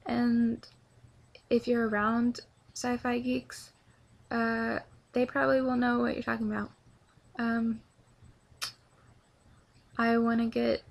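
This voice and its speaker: Young woman rambling on her vlog, kinda husky and gravelly, lots of ums, pretty flat tone. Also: on the high side. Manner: rambling and eager, many ums and restarts. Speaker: video blogger. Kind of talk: casual vlog monologue.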